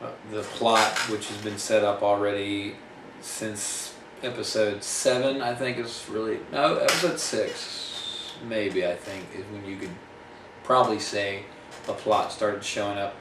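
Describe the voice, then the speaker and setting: Low-voiced man rambling in an echoey room. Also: steady tone, unhurried. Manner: rambling, self-correcting, plain-spoken. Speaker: independent filmmaker. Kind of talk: casual vlog update. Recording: echoey room mic from a distance with noise.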